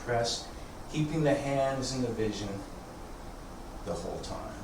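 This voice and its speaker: A man leading tai chi practice as instructor, calling serene, sparse movement cues in calm, measured short phrases. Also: mid-range voice, gravelly. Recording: echoey room, distant mic, background noise.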